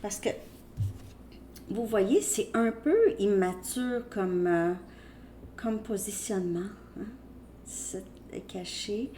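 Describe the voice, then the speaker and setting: Slow-spoken Québécois woman reading tarot. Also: mid-range voice, lively intonation, warm tone, slight background noise. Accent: Québécois French. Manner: slow, hesitant, many fillers and restarts. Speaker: tarot reader.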